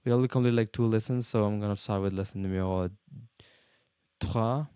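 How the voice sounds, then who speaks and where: A man learning French as a second language, with a foreign accent in French, talking casually in a vlog and haltingly searching for words as he switches languages. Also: on the low side, steady tone, mellow, smooth, no room sound, studio quality. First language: not French, a learner. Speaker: language learner, video host.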